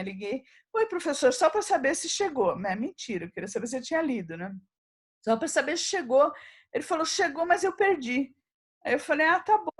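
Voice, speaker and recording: A woman from Brazil with a bright, high voice, guest in an interview. She tells her stories animatedly and acts out both sides of each conversation. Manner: animated storyteller, acts out dialogue and laughs often. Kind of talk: anecdotal interview storytelling.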